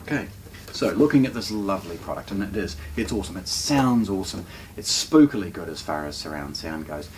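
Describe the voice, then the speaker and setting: Speaking briskly and with animation in a low, slightly mellow voice, a shop presenter demonstrates audio gear off the cuff. He pauses and reworks his phrasing along the way, and a distant mic picks up faint background noise.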